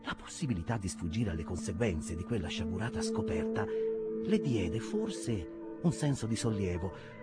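A man narrating a classic novel for an audiobook in a measured, expressive storytelling manner. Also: lowish voice.

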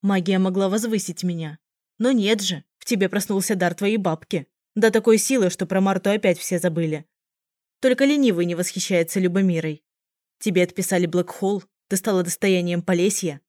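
A woman reading an audiobook, voicing a bitter, jealous young woman tavern-keeper who shouts her accusations. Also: mid-range voice, brisk, no echo, clean studio sound, natural voice.

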